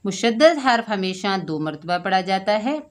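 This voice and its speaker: A woman teaching Quran recitation rules step by step, explaining slowly and drawing out chanted examples. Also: medium pitch, very animated. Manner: slow, deliberate explaining, with drawn-out chanted examples; often checks in with "theek hai". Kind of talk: step-by-step tajweed lesson.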